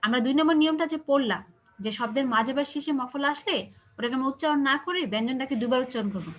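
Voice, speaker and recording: Woman teacher w/ bangladeshi bengali accent, fast talker, keeps checking if students get it. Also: sits high, animated. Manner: explains patiently, asks checking questions. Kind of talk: online class lecture.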